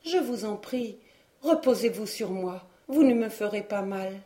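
Audiobook: reader doing a gentle young woman, breathy, barely above a breath. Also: mid-range voice, moderate pace, natural voice. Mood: tender whisper. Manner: faint, breathy murmur. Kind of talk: audiobook reading.

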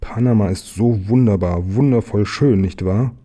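A man's voice: fairly low pitch, moderate pace, mellow, close to an everyday voice. A man voicing an easygoing little male tiger in a children's storybook reading, drawing out his words as he marvels. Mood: marveling.

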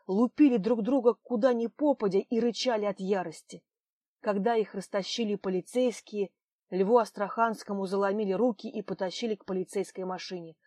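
A woman reads a novel aloud with even, measured storytelling at a middle pitch. The recording is dry and close, with no room sound. Plain audiobook narration. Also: no room sound. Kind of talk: scripted narration.

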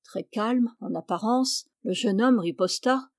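A woman reading a literary story aloud as narrator, with steady, dramatic storytelling. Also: a little high, a little slow, dry recording, studio quality. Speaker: reader.

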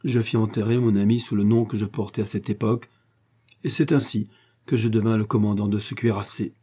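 A man voicing a suave, cunning gentleman-thief baron with a smooth, commanding and ironic manner in an audiobook reading. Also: on the low side, fairly even intonation, a little fast. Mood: ironic, confident.

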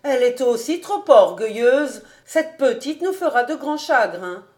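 A fretful, lively old farm wife from a storybook, speaking up high and excitedly, as a woman reader voices her. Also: normal speed.

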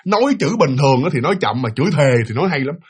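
A man's voice: mid-range voice, racing, slightly rough. A man with a Southern Vietnamese accent telling a ghost story casually, talking to his listeners with many fillers. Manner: animated, filler-heavy, addresses listeners.

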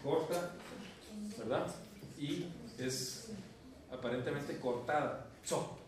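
A man from northern Mexico with a northern Mexican accent, teaching a class, joking and calling on students by name while repeating sounds slowly. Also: fairly high pitch, far from the mic, background noise. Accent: northern Mexican Spanish. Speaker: Esperanto teacher. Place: university classroom. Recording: very echoey classroom taped from afar.

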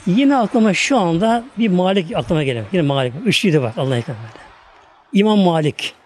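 A man's voice: sits high, lively intonation, brisk, a little mellow, slight background noise. A male preacher telling a religious story in a sermon, fervent and repetitive as he repeats his phrases.

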